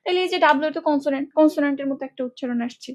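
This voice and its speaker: In an online grammar lesson, this English tutor speaks in a bright, high-pitched voice, moving briskly from one step to the next. She keeps checking with her students, asking "ঠিক আছে?" Her casual delivery blends in English words.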